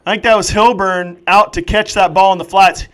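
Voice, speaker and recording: Bright, high-voiced excitable male commentator. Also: moderate pace, clean tone. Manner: excitable, jokey, rambling asides. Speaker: play-by-play commentator. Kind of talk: live football commentary.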